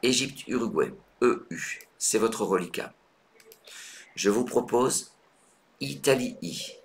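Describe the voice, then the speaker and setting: Low-voiced male teacher, patient, thinks aloud with pauses, live online lesson. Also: animated. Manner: counts points aloud briskly. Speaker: Scrabble teacher.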